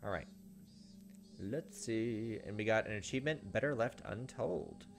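Gravelly, fairly low and a little slow, this man's voice carries a let's play of a visual novel, which he reads aloud dramatically with casual asides. He's in his thirties, and soft game music plays in the background.

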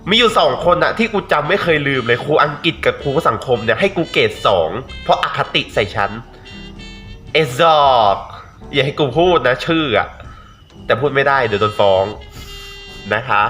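A young man talking casually in a blunt, animated vlog rant, swearing freely. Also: medium pitch, a little fast, soft background music.

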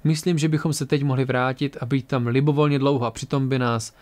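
A man voicing a calm, thoughtful male hero in an amateur audiobook reading. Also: lightly acted. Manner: low, quiet, measured.

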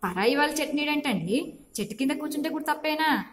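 A woman's voice: sits high, expressive, fast, voice pushed up. A teacher voicing a tired, polite village man who apologizes and asks questions meekly. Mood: puzzled. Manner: pleading, apologetic.

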